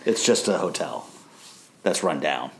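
Very low-voiced man recapping a sitcom. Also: lively intonation, unhurried, fairly bright tone, a little hiss or hum. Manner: chuckles often while retelling scenes. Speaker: podcast co-host. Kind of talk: casual TV episode recap chat.

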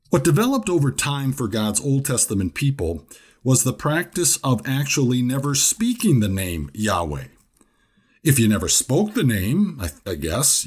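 A man with a slightly husky voice delivers a scripted Bible lesson. His pitch rises and falls in a lively way as he explains each point earnestly, often repeating the key ideas. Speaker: Bible teacher.

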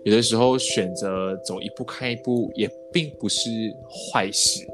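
A man's voice: fairly low pitch, normal speed. A man with a Malaysian Mandarin accent hosting a casual podcast interview, chatty and dropping English words into his Mandarin. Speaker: podcast host. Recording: background music under the talk.

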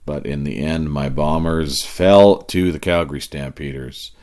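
A man with a Canadian accent and a raspy whiskey voice, hosting a podcast in casual, folksy talk. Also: rumbling low, steady tone, measured pace, a little mellow. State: raspy from cheering at a game. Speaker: podcast host.

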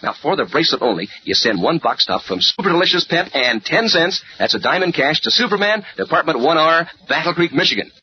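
An American man doing a chummy, peppy 1940s radio advertising pitch as a sponsor announcer. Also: sing-song, fairly quick, few pauses, a little hiss or hum. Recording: dull vintage radio recording, faint music.

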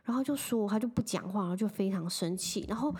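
A young woman from Taiwan talks through her own stories in a relaxed, chatty way. She leans on filler phrases and grows animated as she retells what happened. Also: mid-range voice, fast, husky. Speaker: podcast host. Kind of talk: casual storytelling chat.

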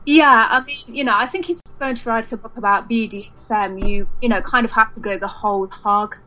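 A woman's voice: a little high, steady tone, brisk, pushed and bright, slight background noise. A woman speaking as a guest over a phone line that fades in and out, chatty and frank, laughing easily. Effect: dull phone line that fades in and out. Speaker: musician guest. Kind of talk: phone interview. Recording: muffled phone call.

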